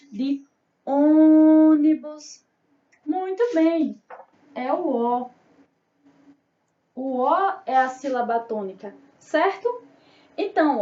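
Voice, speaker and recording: A woman's voice: sits high, darkish tone. A Brazilian woman teaching young children, drawing out syllables and answering her own questions in a sing-song way. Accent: Brazilian Portuguese. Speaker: primary school teacher. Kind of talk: remote class for children. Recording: roomy, distant, dull lo-fi sound.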